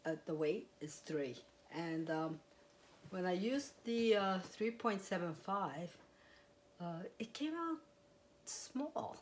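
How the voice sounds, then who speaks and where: Low-voiced woman chatting about crochet. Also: lively intonation, slow, a little hiss or hum. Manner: rambling, chatty, with fillers and small laughs. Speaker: crochet vlogger. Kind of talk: casual show-and-tell. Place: quiet home, indoors. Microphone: clip-on mic.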